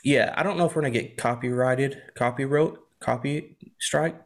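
A man's voice: mid-range voice, moderate pace. A young man co-hosting a casual podcast chat, laughing often and filling his talk with "like.". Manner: laughs often, chatty with frequent "like" fillers. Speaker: podcast co-host.

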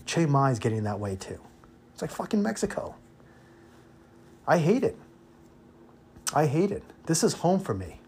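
A little hiss or hum sits under the recording as an American man hosts his informal podcast. A native English speaker and expat, he has a medium-pitched, slightly mellow voice and dispenses blunt opinions, restating points to underline them.

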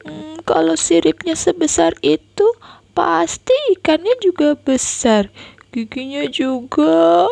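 A woman's voice: very high voice, fairly even intonation, slow, creaky, a little mellow, no room sound, voice pushed up, full character voice. A woman voicing a frightened little child in a storybook reading, squealing for help and hiccuping between cries.

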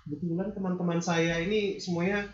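A man's voice: high-pitched, flat delivery, a little fast. A young man taking part in a casual podcast chat, recorded in an echoey, muffled room. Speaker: podcast participant. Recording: echoey, dull room sound.

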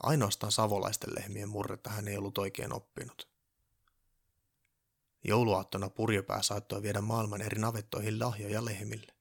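A man calmly reading a children's story aloud as a storyteller. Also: fairly low pitch, vocal fry, breathy edge. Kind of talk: storybook narration.

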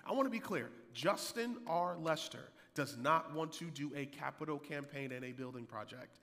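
A man in his thirties preaching a sermon as pastor, energetic, climbing louder and higher to drive points home and repeating key lines. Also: normal speed, gravelly. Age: 30s. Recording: hall reverb.

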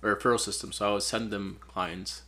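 A fairly quick, lowish voice comes from a photographer in his twenties from Peru, chatting informally during a podcast interview. He's relaxed and rambling, with lots of "like" thrown in.

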